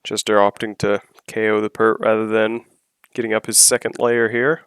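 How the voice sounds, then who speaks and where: A match commentator who sounds slightly sick gives relaxed, analytical play-by-play of a video game battle in a lowish voice. He often pauses on "so" and "yeah" and clears his throat, and the recording has no echo.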